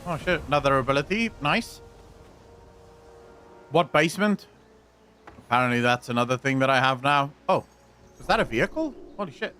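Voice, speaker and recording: A man's voice: medium pitch, lively intonation, moderate pace, pauses often, bright, forceful tone, slight background noise. A man doing casual live gameplay commentary in a sweary frat-bro manner, addressing his viewers like buddies. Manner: frat-bro slang, swears freely, calls viewers boys and bro. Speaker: live streamer and video creator.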